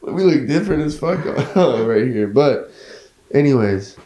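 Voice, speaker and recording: A man's voice: medium pitch, expressive, a little slow, dark tone, echoey room. A young man hosting a casual podcast chat, laid-back, swearing freely and laughing often. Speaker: podcast host.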